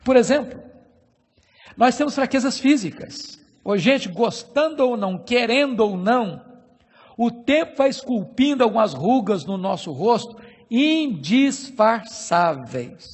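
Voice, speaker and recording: A middle-aged Brazilian man preaching a sermon, with emphatic, slowly stressed phrases and repeated rhetorical questions. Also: very high voice, vocal fry, husky. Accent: Brazilian Portuguese. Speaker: pastor. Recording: long hall reverb.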